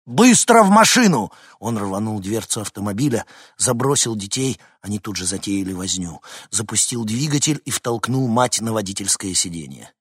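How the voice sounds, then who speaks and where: Husky low-voiced male audiobook narrator. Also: no room sound, studio quality. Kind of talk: scripted narration.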